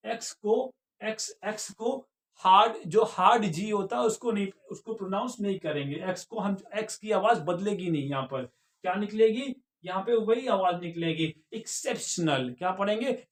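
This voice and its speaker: Indian male teacher, high voice, echoey room; drills words with question-and-answer repeats. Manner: repeats each word slowly after asking the class questions. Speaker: English pronunciation teacher. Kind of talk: classroom-style video lesson.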